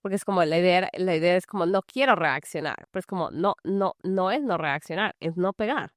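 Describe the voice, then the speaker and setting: Low-voiced woman giving casual advice. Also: fairly quick, dry recording, clean studio sound. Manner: loose and conversational, full of "es como" fillers. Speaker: anger management coach for mothers. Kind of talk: casual talking-to-camera advice. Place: large house.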